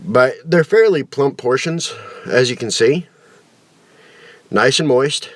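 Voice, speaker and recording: A man chats casually to camera as he reviews a product. His voice sits at an average pitch, with folksy, colloquial phrasing and the sound of a lip packed with tobacco. The recording is dry, with hardly any room echo. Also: animated, slow.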